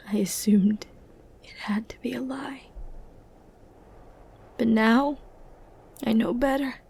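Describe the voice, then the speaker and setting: Playing a flirty, dangerous villainess banished long ago, a woman performs an intimate ASMR roleplay in a breathy near-whisper, pausing tenderly, broodingly and dramatically. Her fairly high pitch is set below her own natural voice, a little mellow and heavily acted. The mood is tender and wistful.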